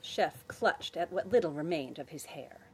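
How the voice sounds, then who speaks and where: A woman hosting a family podcast, narrating a children's adventure story with expressive storytelling. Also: low voice, normal speed, husky, low-quality recording.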